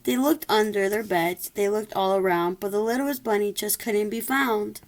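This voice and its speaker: A woman's voice: mid-range voice, normal speed. A woman reading a rhyming children's story aloud expressively, occasionally stumbling over a word. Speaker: storybook reader.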